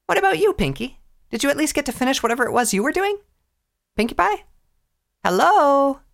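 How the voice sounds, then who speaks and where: A brash, tomboyish young pony mare, voiced by a man in a storybook reading. She is boastful and sporty, pitched well up and bouncing all over her range. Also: sing-song, a little fast, gravelly, fairly bright tone, heavily acted. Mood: eager. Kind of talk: fan audio story reading.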